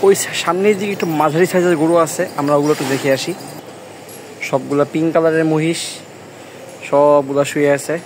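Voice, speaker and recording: A young man walking through a large covered cattle shed at night, filming on a handheld phone and excitedly narrating a tour. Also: a little high, brisk, pauses often, a little hiss or hum. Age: young adult. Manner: excited, chatty, gushing over the animals. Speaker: vlogger touring a cattle farm. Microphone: handheld phone camera.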